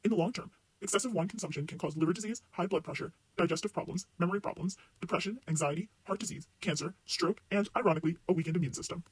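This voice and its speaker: A man's voice: high-pitched, fast talker, few pauses, husky, rough recording. A man playing a matter-of-fact disclaimer announcer in a parody pharmaceutical ad, rattling off warnings from a script. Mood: brisk warning. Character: brisk male drug-commercial disclaimer announcer listing dangers.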